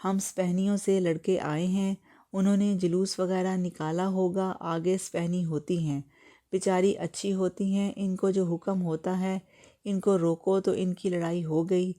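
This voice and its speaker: A woman's voice: on the low side, flat delivery, dark tone, natural voice. A woman voicing an angry, defiant young female student who argues hard, in a storybook reading. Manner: defiant, argumentative.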